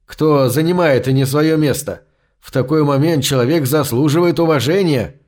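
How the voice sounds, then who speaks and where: A man's voice: on the high side, normal speed, darkish tone, natural voice. A man doing a wheedling, desperate schemer. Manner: wheedling, pleading. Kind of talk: audiobook narration.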